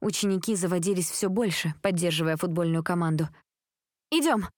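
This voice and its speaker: A woman narrating a teen novel as an audiobook in a steady, even storytelling manner. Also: on the low side, brisk, no echo, clean studio sound. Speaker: audiobook reader. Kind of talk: scripted narration.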